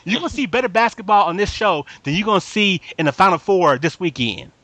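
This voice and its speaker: An anime-reviewing podcast host with a high, slightly bright voice talks quickly and expressively in a casual chat with fans. His slang-heavy speech is emphatic, he repeats himself, and he keeps checking that listeners follow along. There's no echo.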